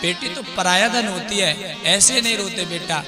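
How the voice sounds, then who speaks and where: A man's voice: sits high, unhurried, over music. A man voicing a grieving mother queen who pleads with and consoles her departing daughter in devotional storytelling. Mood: consoling. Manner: pleading and consoling, asks "हैं?".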